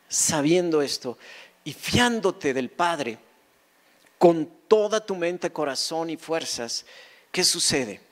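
Fervent high-voiced pastor. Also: male voice, a bit bright. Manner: fervent, rhetorical questions, repeats key phrases. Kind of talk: sermon.

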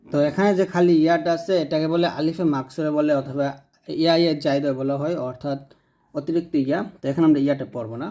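A man teaching Quran reading, spelling out each letter and its vowel mark slowly and repeating every syllable. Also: fairly high pitch, fairly even intonation, dark tone. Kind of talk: slow drilled recitation lesson.

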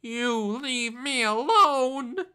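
A man voicing a tiny, frightened male goblin who squeaks shrilly. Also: lively intonation, extremely slow, sharp tone, clear, resonant tone, full character voice. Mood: scared, threatening.

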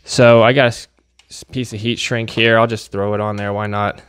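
With a lowish, somewhat bright voice, level tone and moderate pace, this host talks casually while doing repairs by hand in his workshop tutorial. Slight background noise is present.

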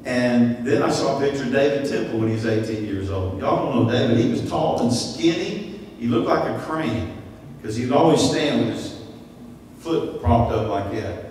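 A man, preaching a sermon at a stand mic in a church, animated, with sudden high-pitched voices for the people he quotes. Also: moderate pace, recorded from a distance, slight background noise. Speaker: pastor. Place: church sanctuary. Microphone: stand mic at lectern. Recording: echoey hall, from off-mic.

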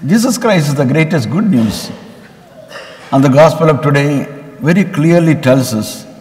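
A man from India, a visiting bishop, giving a Sunday homily in an earnest storytelling manner with pauses. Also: fairly high pitch, animated, darkish tone. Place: large church. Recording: long church reverb.

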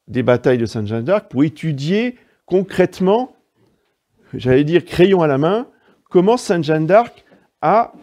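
A man's voice: mid-range voice, vocal fry, warm tone. A priest preaching a sermon in a didactic way, stressing points with frequent asides to his listeners. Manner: didactic, emphatic asides, frequent "hein" and "vous voyez".

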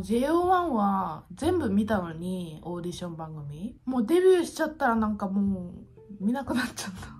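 A woman in her twenties chats casually to camera in an expressive, gushing and self-deprecating way, as a YouTuber in a room at home. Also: medium pitch. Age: 20s. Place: small home room, indoors.

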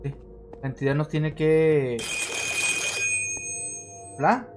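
A man streaming a horror game, chatting to his viewers and getting jumpy and excitable, yelling when scared. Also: fairly high pitch, slow, music in the background. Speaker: gaming streamer. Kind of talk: let's-play commentary.

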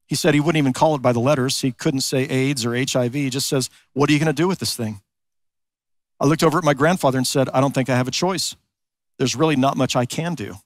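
A man's voice: mid-range voice, no echo. Earnest man preaching a sermon. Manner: earnest preaching, slows for emphasis, rhetorical questions. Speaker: pastor. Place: large church sanctuary.

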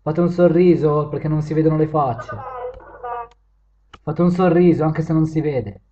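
A man chatting with viewers and strangers on random video chat, joking and teasing, switching from loud greetings to low mutters. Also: moderate pace, highs cut off.

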